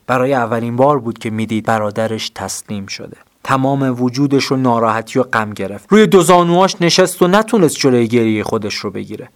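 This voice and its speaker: A man narrating a scripted motivational story in a dramatic, measured way. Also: medium pitch. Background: faint background music.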